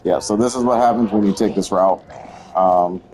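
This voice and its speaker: A man's voice: low-pitched, normal speed, a little mellow. A man giving casual, wry commentary while playing a horror game, with some swearing. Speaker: gameplay streamer. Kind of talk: casual let's-play commentary.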